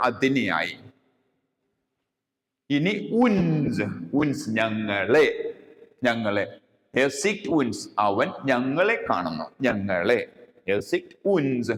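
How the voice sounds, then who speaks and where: A man with a Malayali accent teaches a grammar lesson at an unhurried pace, his pitch swinging up and down as he stresses each example. He repeats words and checks in with "okay" again and again. His voice carries a long reverb, as if heard in a hall. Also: a bit bright. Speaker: German language teacher. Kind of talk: classroom lesson explaining grammar.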